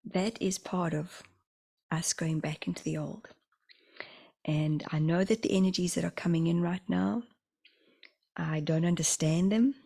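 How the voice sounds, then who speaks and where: Soft-spoken, husky woman with a lisp. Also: on the low side. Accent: New Zealand. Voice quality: slight lisp. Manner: soft, half-whispered, slows on key phrases. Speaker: spiritual channeler. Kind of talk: casual spiritual vlog talk.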